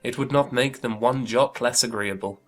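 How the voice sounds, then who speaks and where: A man playing a kind, good-natured young gentleman in a period audiobook drama, speaking earnestly and politely. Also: mid-range voice, normal speed, soft background music, natural voice.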